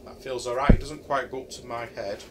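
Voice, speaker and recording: A middle-aged Yorkshireman reviews a camping chair in his home kitchen, thinking aloud and hesitating with plenty of ums. His medium-pitched voice stays fairly even and brisk, captured by a camera a few feet away amid heavy background noise.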